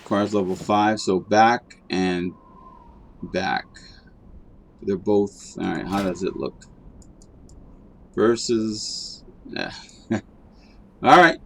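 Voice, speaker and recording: A man's voice: fairly low pitch, extremely slow, gravelly, pauses often, a bit bright, slight background noise. A man streaming a video game, chatting casually and rambling with lots of fillers and restarts. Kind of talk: casual chat while gaming.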